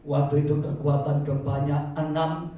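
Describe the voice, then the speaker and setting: High-voiced pastor preaching in an echoey hall. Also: male voice, flat delivery, normal speed, recorded from a distance, slight background noise. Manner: dramatic preaching, repeats "saudaraku", acts out shouts. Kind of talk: sermon. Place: church hall.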